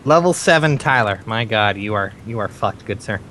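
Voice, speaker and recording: A man's voice: on the low side, animated, normal speed, background noise. A young man casually chatting and joking while playing a game with friends, often breaking into sing-song bits and swearing. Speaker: let's play host. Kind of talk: casual gaming chat.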